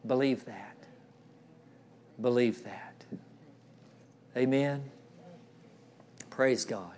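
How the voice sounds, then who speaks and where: A middle-aged male pastor preaching a sermon in a church, earnest, repeating phrases and dropping to a soft hush for quoted words. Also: mid-range voice, drawn-out words. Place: church sanctuary.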